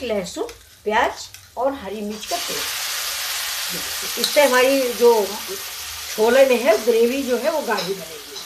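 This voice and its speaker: A woman hosting a home cooking demonstration, chatting to viewers and explaining each step. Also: a little high. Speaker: cooking channel host. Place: home kitchen with tiled walls. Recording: echoey kitchen with noise.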